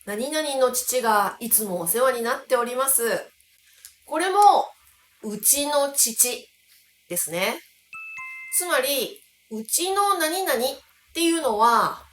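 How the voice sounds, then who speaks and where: A woman from the Kansai region of Japan, a language teacher giving an explanatory lesson and slowing down to stress key words. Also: high-pitched, lively intonation, a bit bright, slight background noise. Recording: roomy echo.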